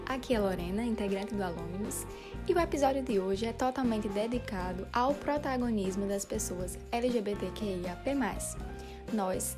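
A woman hosting a podcast, reading a clear, announcing intro. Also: on the high side. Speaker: podcast host. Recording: music bed under the voice.

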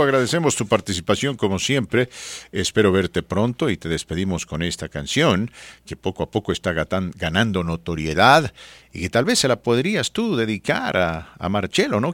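A man's voice: lowish voice, no echo. A man hosting a radio talk show, chatting casually and joking with his co-host. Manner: jokey, chatty, animated. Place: radio studio.

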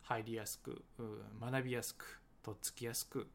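A man who teaches English conversation talks casually about his book, hedging often and pausing with many fillers. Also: medium pitch, flat delivery, a little hiss or hum. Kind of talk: casual solo talk promoting his book.

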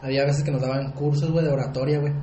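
A man's voice: on the high side, level tone, racing, crowd noise. A young man with a Mexican Spanish accent in a casual podcast chat, slangy, dropping a filler word after nearly every phrase. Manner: slangy, fills with "güey" constantly. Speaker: podcast co-host. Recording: echoey room with faint ambient noise.

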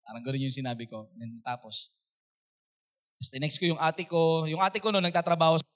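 A man with a Filipino accent, a pastor giving a sermon testimony, storytelling in an animated way and acting out the voices of the people in the story. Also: a little high, fairly quick. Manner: animated, acts out quoted voices, laughs at own jokes.

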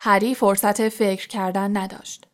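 A woman narrating an audiobook in a soft, breathy delivery. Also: medium pitch, flat delivery.

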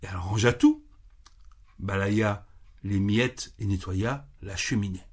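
A man reading a children's story aloud with expressive, unhurried storytelling. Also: fairly low pitch.

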